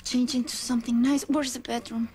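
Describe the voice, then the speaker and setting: An actress playing a headstrong, eager young sister in a soap opera, speaking insistently. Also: female voice, a little high, little pitch movement, fairly quick, a little mellow, close to an everyday voice. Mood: insistent, nervous. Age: young adult.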